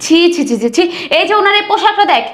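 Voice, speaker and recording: A woman's voice: very high-pitched, lively intonation, fast talker. An actress playing an arrogant rich young bride who hurls scornful insults at her poor in-laws. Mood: contemptuous. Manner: shouting insults, sneering. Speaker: actress in a short drama. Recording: echoey room.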